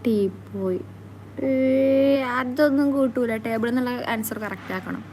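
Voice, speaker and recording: A woman with a fairly high, mellow voice chats casually on a live stream, teasing her viewers playfully. A faint hum of room noise sits under her talk. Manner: playful, teasing, quick back-and-forth. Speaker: vlogger reading live comments.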